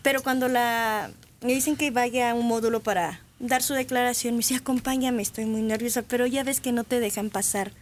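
A woman with a Mexican Spanish accent, telling a lively anecdote on a radio show. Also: a little high, brisk, slight background noise. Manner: lively anecdote with acted quotes. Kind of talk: casual radio chat, storytelling.

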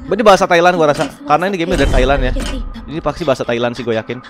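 A young man giving excitable, slangy let's-play commentary as a gaming YouTuber, reading game text aloud. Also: fairly high pitch, very fast. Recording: music playing behind.

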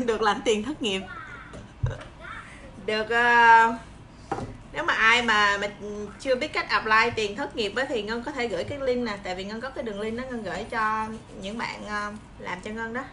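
A livestream host in her thirties from Vietnam, with a southern Vietnamese accent and a medium-pitched voice, chats casually with viewers while eating and preparing fruit in a small room. She sounds encouraging and reassuring, speaking into a phone propped at arm's length, and the phone video has clear background noise.

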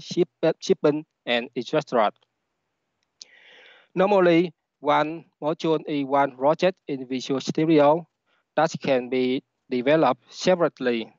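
A man with a Vietnamese accent, a native Vietnamese speaker, giving a halting technical presentation over a headset on an online call. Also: fairly high pitch, no echo. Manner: halting, with repeated words. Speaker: conference speaker, software engineer. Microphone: headset on a video call. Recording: dull, lo-fi online call audio.

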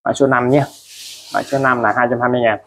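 A used tool seller chats his way through a casual product showcase at a quick pace, his medium-pitched, steady voice a bit bright. He repeats the prices over and over and finishes phrases with friendly particles. There's a little hiss or hum in the recording.

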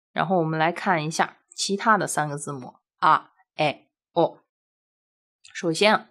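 Lady teacher w a low voice, patient, keeps asking the class questions, reads syllables out slow. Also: fairly bright tone. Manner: patient, explains step by step with many rhetorical questions; drills syllables aloud slowly. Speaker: language teacher. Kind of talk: recorded language lesson.

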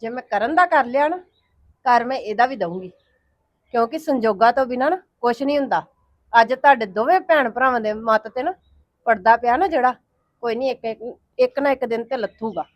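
A woman's voice: on the high side, brisk, no room sound, natural voice. An actress playing a wronged woman who answers her family's taunts with bitter resignation, speaking. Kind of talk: Punjabi family drama acting.

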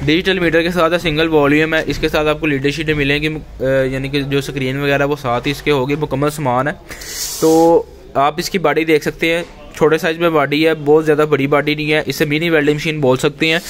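A man's voice: on the high side, fairly bright tone, a little hiss or hum. A male shopkeeper giving a casual spoken product demo, often adding a filler of agreement, recorded indoors in a workshop. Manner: conversational, repeats "theek hai" as a filler. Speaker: shopkeeper reviewing machines. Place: workshop or tool shop, indoors.

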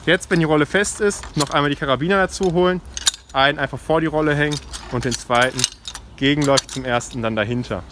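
A man's voice: on the high side, fast talker. Young man instructing over outdoor noise. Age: 20s. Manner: informal, explanatory. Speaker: climbing park safety instructor. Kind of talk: spoken safety briefing with demonstration. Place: outdoors in a forest ropes course. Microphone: camera mic a few steps away. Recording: clear outdoor noise, passing vehicles, clinking gear.

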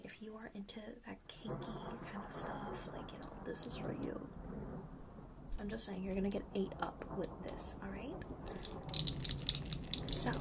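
An ASMR performer takes the role of a persuasive, friendly shopkeeper selling fragrances in a witchy perfume store. She whispers breathily and mostly without voicing, at a medium pitch with noise in the background, coaxing and chatting casually with one customer while often checking in on them.

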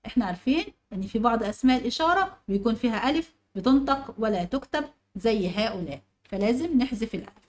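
A woman's voice: fairly high pitch, lively intonation, fast, hardly any pauses. A young woman teacher with an Egyptian accent explaining a grammar exercise step by step and putting questions to her pupils. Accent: Egyptian Arabic. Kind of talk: online grammar lesson.

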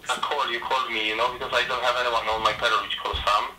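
A man's voice: medium pitch, flat delivery, fast, roomy sound, heavy background noise. A man answering a work phone call, questioning and sceptical, heard through a phone speaker. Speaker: fast-food worker answering the phone. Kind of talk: phone conversation. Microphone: phone speaker picked up by camera.

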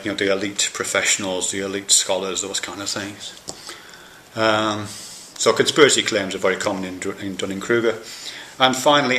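A man's voice: on the low side, bright, forceful tone. A man, an academic lecturer, reading out points and explaining them informally with fillers and restarts. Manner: reads points aloud then explains casually, with fillers. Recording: echoey room with faint noise.

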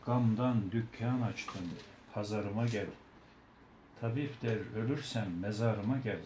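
Low-voiced man in an echoey room. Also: unhurried. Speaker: preacher attending a book auction. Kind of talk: casual chat and poetry reading. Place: echoey indoor bookshop. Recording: echoey room with clear background noise.

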